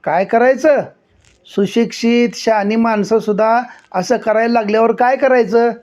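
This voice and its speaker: A man's voice: extremely high pitch, a little slow, voice pushed up. A man voicing a stern village headman who presides over a hearing with rhetorical questions, in a story reading.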